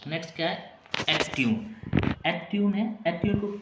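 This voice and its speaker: A man's voice: sits high, expressive, moderate pace. A man teaching an exam-prep vocabulary lesson, repeating memory tricks over and over and checking in with short asides. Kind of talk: classroom-style vocabulary lesson. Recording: echoey room with clear background noise.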